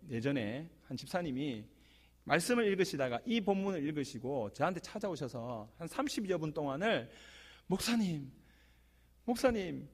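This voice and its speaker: A man preaching a Korean church sermon, telling stories and addressing the congregation directly. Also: on the high side. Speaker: pastor. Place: church sanctuary. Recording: long hall reverb.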